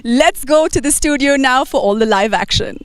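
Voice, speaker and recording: A female presenter chats brightly during a live golf broadcast and keeps the exchange moving. Her voice is fairly high and the sound is dry and close. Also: moderate pace, clear, resonant tone, no echo. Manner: chatty, upbeat, hands back to studio. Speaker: on-course presenter. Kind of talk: live sports broadcast chat.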